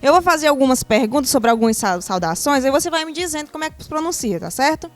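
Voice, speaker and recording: A woman's voice: high-pitched, big pitch swings, quick pace. A young woman, hosting a TV talk show in a playful, upbeat way and asking guiding questions. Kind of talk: casual studio interview.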